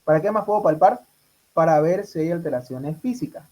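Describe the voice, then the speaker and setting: A man's voice: on the high side, animated, a little fast, a little mellow, lo-fi sound. A man runs an exam review for medical students. He fires questions at the class and repeats each answer back to them. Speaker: medical tutor.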